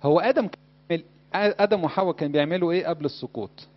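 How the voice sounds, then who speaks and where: Fast-talking Egyptian preacher, lo-fi sound. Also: male voice, a little high. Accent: Egyptian Arabic. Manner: conversational, asks the audience questions. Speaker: Coptic preacher. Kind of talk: sermon. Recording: dull lo-fi recording.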